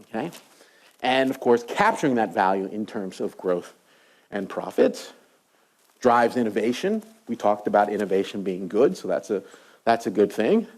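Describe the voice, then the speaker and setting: A man's voice: fairly low pitch, sing-song, normal speed. A middle-aged man giving a university lecture, telling stories with animation and asking the audience rhetorical questions. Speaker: associate professor lecturing.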